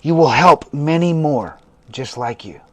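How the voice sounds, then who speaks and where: A man with a slightly raised pitch leads a guided meditation on a livestream. He speaks in a slow, calm, instructional way, drawing out each phrase. The sound comes from a home setup on a phone or computer mic. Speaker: host of a livestream.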